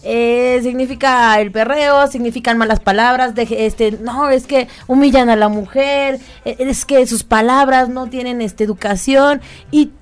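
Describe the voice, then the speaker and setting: A woman's voice: a little high, steady tone, unhurried, few pauses, clean tone. A woman hosting a radio interview, chatty and full of fillers and restarts. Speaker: radio show host. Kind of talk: casual interview chat.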